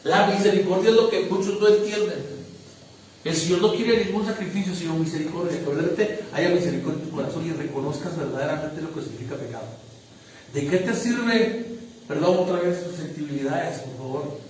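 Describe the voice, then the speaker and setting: A man's voice: a little high, fairly quick, a little mellow, a little hiss or hum. A man preaching a sermon, emphatic, often checking whether listeners follow. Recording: echoey room, distant mic.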